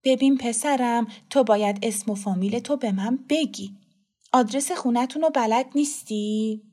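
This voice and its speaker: A woman voicing a kind grown woman who coaxes a lost child slowly and gently. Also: a little high, lightly acted. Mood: gentle. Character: kind, hurried adult woman, gentle then flustered.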